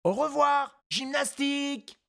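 A man reading a storybook, voicing a small, gentle and determined boy in a high childlike voice. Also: slow, creaky, dry recording, studio quality, heavily acted. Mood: tender. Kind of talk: audiobook character voice.

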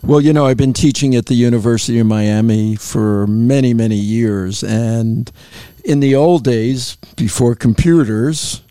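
An older man, a lawyer and professor, telling unhurried anecdotes in an interview, chuckling between stories. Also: medium pitch, mellow, clean tone, dry recording. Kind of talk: interview storytelling. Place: Miami.

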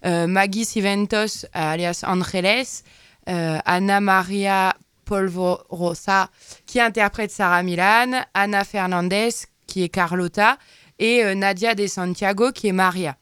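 Hesitant woman with a smooth voice. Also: mid-range voice, steady tone, unhurried, fairly bright tone, no room sound, clean studio sound. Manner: hesitant, many fillers. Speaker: radio show columnist. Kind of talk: presenting a TV series review.

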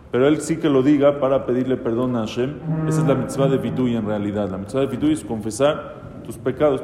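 A rabbi teaches a Torah class, explaining Hebrew texts and putting questions to his listeners. His medium-pitched voice has a dark tone, and the echoey room gives a long reverb over slight background noise.

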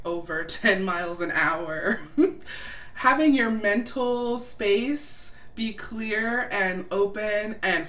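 A woman co-hosting a casual podcast chat, animated and playful, laughing often. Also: medium pitch, distant mic. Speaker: podcast co-host. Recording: roomy and a bit off-mic.

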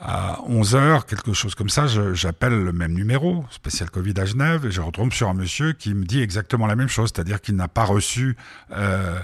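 A middle-aged man hosting a radio show, his voice low and a little husky. He rambles through a personal story with frequent pauses and restarts. The recording is dry and close. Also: animated, no room sound. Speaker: radio host. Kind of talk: casual first-person radio monologue. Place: home studio during quarantine.

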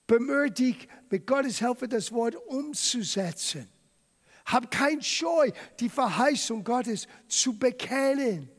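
Male preacher, unhurried and emphatic, high voice, long hall echo. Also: creaky. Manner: emphatic, dramatic retelling of scripture. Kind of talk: sermon.

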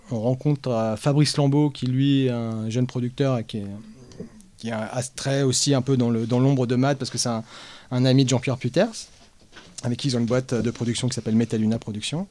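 A man at a medium pitch speaks in a relaxed interview. He rambles and keeps adding fillers. His delivery is conversational and easygoing. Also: fairly quick. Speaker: film director. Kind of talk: casual interview talk.

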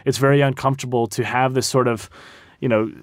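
A man's voice: mid-range voice, steady tone, brisk, dry recording. An American man speaking as a panel guest, explaining politics in a thoughtful, conversational way. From United States.

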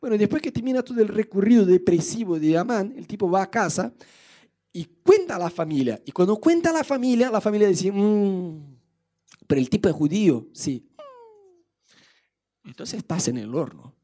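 A man preaching in a casual, humorous storytelling style. His voice sits high but sounds mellow and warm. He keeps up a lively, jokey retelling. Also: moderate pace.

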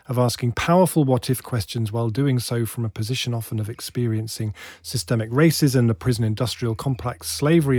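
A man's voice: medium pitch, a little mellow, breathy edge, no echo, clean studio sound. A man hosting a podcast, reading a scripted introduction with enthusiasm and playful asides. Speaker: podcast host.

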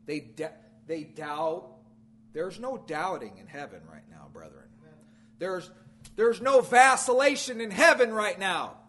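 Preacher guy, really high bright voice, repeats himself a lot, loud then drops low. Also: a little hiss or hum. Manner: emphatic, repeats phrases, swings from loud declarations to low, quiet endings. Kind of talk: sermon.

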